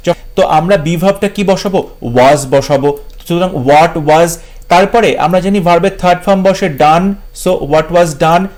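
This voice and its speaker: A man takes learners through an exam practice set. His voice sits high for a man. He reads each English question slowly and deliberately, then explains it at an easy pace. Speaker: English teacher.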